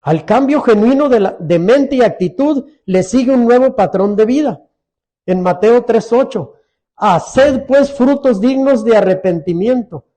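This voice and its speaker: A man's voice: extremely high pitch, expressive, measured pace, warm tone. A middle-aged man preaching a sermon as pastor, earnest and pleading, often asking his congregation questions.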